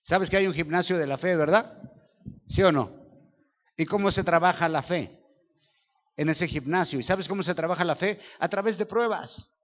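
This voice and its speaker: A man's voice: fairly high pitch, moderate pace, pauses often, big-room sound, lo-fi sound. A Mexican man preaching a sermon as pastor, telling the story vividly, acting out voices and asking the listeners questions. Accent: Mexican Spanish. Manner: lively storytelling, acts out dialogue voices, asks the audience questions.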